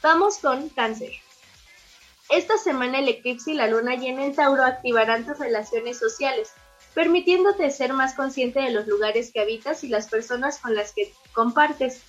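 A woman reading the weekly horoscopes on a radio show, in a steady and lightly informal way, over a remote line. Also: high voice, normal speed, dull audio, faint music behind. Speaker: horoscope reader.

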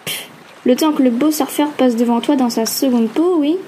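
A woman's voice: high-pitched, moderate pace, dark tone, slight background noise, close to an everyday voice. Woman voicing a cheeky, pushy young woman. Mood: mocking. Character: bold teasing young woman friend. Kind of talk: audiobook character voice.

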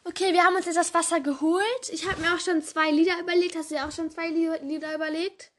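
A woman's voice: very high-pitched, little pitch movement, fast talker, slight background noise. A young woman reading a children's story aloud and then chatting casually, laughing at her own slips. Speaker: vlogger. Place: indoors, sitting on a bed.

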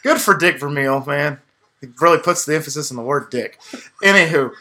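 Bright, forceful man ranting about football. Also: fairly high pitch, brisk. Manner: profane, rambling, jokey rants. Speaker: podcast co-host. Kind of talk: casual sports chat.

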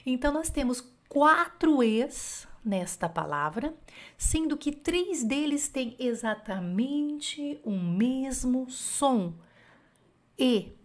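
A woman's voice: high voice, sing-song, slow. Chatty Portuguese-speaking woman teaching French. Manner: chatty and encouraging, thinks aloud and corrects herself. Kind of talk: casual online lesson, correcting a dictation.

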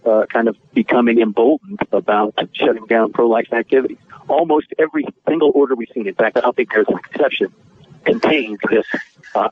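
Man calling in by phone as an attorney guest: slightly husky, earnest and measured, thin phone-line sound. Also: lowish voice. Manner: earnest, measured, frequent filler pauses. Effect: over the phone. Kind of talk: radio interview guest. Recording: tinny dry phone line.

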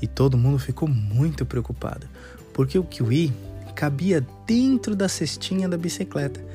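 A woman narrating a children's story in an animated, drawn-out sing-song way. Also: deep voice, faint music behind.

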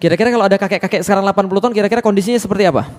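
High-voiced preacher in an echoing hall. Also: male voice, rapid-fire. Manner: animated, asks the audience many questions. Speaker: Islamic preacher. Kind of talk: lively religious lecture.

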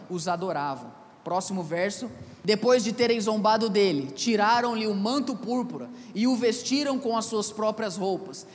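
A man's voice: high-pitched, a little hiss or hum. A man preaching a sermon as pastor, mixing scripture reading with casual personal stories. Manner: conversational preaching with personal anecdotes. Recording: echoey hall, faint ambience.

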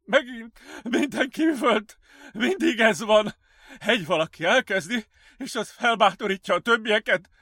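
A man voicing a frantic young male psychiatric patient who wails and shouts in panic, in an audiobook. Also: high-pitched, no room sound, clean studio sound, pitched above the performer's own voice, exaggerated voice. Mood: panicked. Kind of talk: audiobook character voice.

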